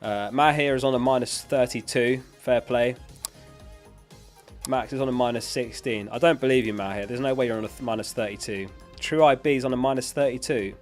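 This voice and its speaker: A mid-range male voice moves fairly quickly over soft background music. Casually hosting a livestream, he reads viewer questions aloud and answers them matter-of-factly, but being sick is making his voice give out. Close dynamic studio mic.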